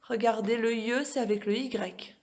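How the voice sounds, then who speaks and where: A woman teaching a home-school reading lesson to young children, stretching out sounds slowly and checking in with them often. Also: on the high side, steady tone, darkish tone. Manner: slow, careful, drawn-out pronunciation of sounds; checks in with frequent questions to children. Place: classroom with a board.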